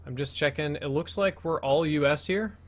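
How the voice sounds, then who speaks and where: A man's voice: on the high side, normal speed. An American man doing casual live commentary as the host of a gaming video, his S sounds slipping a little because he wears braces.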